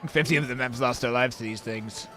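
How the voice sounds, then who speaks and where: A man's voice: medium pitch, fairly quick, bright, forceful tone, faint music behind, pitched below the performer's own voice, close to an everyday voice. A man voicing a drunk, boastful male dwarf miner who rambles and overshares. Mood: rambling.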